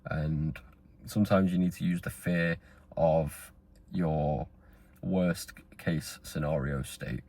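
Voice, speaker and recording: Speaking directly to the camera, this vlogger in his twenties delivers a heartfelt motivational ramble in a low, dark voice, stumbling through fillers and restarting his sentences.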